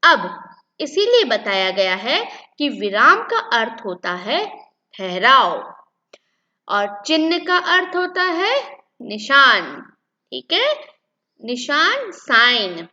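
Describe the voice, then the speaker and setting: Slow high-pitched woman teaching children. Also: very animated, pushed and bright, highs cut off. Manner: repeats key points and asks then answers her own questions. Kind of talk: classroom-style lesson for children.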